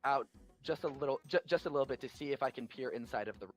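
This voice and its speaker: A man's voice: medium pitch, fast, soft background music. A man playing a tabletop game who talks through his character's actions and hesitates as he thinks aloud. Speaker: player. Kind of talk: casual tabletop play.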